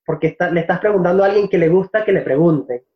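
A man from Venezuela, a Spanish teacher, answering interview questions in a reflective way, often pausing to search for words and laughing easily. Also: high-pitched. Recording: dull, lo-fi recording.

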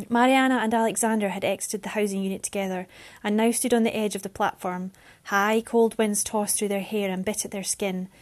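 A woman reading a novel chapter aloud with steady, expressive narration. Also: mid-range voice. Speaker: reader.

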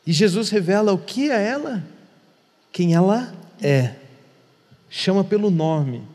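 A man's voice: high voice, animated, slow pace, darkish tone. A man who is a pastor, teaching in an earnest conversational way and repeating words for emphasis. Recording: long hall reverb.

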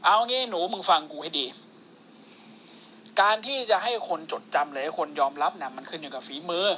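A man voicing a gruff older male mentor who scolds a young man in coarse, fatherly terms. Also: fairly high pitch, expressive, normal speed, bright, forceful tone, slight background noise, voice pushed down. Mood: gruff lecturing.

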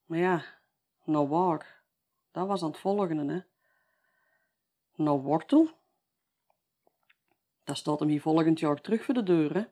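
A local storyteller with a Flemish accent tells a folksy oral tale in a warm, mid-range voice. She chats along, ending her lines with the conversational tag "hè".

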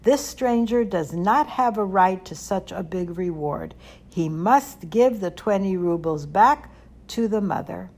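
A stern, self-assured small-town rabbi from a storybook, voiced by a woman. He speaks firmly at an ordinary pitch, in a plain reading voice. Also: lively intonation, a little slow, a little mellow. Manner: stern, then shaken and apologetic. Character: indignant male town rabbi.

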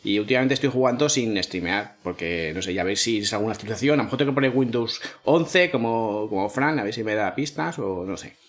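A man's voice: lowish voice, animated, fairly quick, hardly any pauses. A man chatting as a co-host on a live-stream podcast in a rambling, easygoing way.

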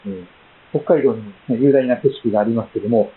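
A man preaching a sermon as pastor, reading scripture and praying in a measured, gentle way with frequent pauses and fillers. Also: mid-range voice, animated, vocal fry. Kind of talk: sermon with Bible reading and prayer. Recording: tinny phone-like sound.

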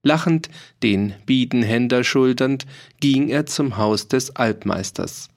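A man reading a historical story aloud in an even, measured narration. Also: medium pitch. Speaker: audiobook narrator.

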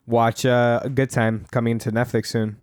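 A man co-hosting a relaxed podcast chat about movies, stumbling over his words and restarting often. His voice sits at an ordinary mid pitch in a dry, close recording. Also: unhurried, dry recording. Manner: hesitant, stammering, laughing, swearing. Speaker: podcast co-host. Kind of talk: casual chat about films.

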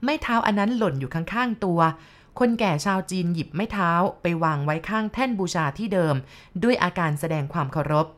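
A woman reading a ghost story aloud as scripted narration, at a measured, unhurried pace. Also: lowish voice, animated.

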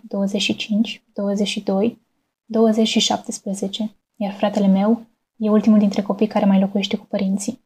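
A young woman from Romania reads her own story aloud in a calm, measured way. Her voice is mellow and a little husky, and it stays level with little rise and fall. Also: medium pitch. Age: 20s. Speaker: narrator. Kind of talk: scripted personal narration.

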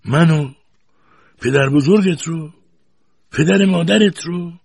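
Man doing a shrill, mocking old grandfather. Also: gravelly, a little mellow, husky, no echo, studio quality. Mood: outraged.

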